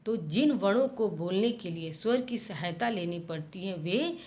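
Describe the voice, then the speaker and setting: A woman's voice: medium pitch, lively intonation, normal speed, darkish tone, a little hiss or hum. A woman teacher giving a grammar lesson to children, spelling out letter sounds one at a time in a patient, explanatory way. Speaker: school teacher.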